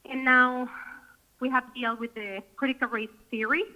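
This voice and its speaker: A woman's voice: high voice, fairly even intonation, moderate pace. A woman, a parent giving an indignant public comment at a school board meeting, heard over a speakerphone. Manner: indignant, confrontational. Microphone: phone. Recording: muffled phone line on speakerphone.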